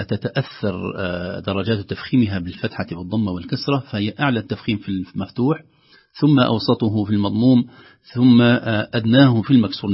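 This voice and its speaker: A man teaching Quran recitation rules, explaining calmly and then sounding out words slowly and carefully. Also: fairly low pitch, husky, dull audio.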